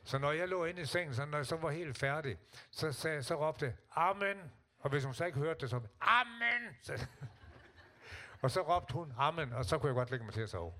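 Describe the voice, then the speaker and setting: An older man, a singer and guest, telling lively stories and acting out what others said. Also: a little high. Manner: animated, acts out quotes. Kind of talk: casual storytelling.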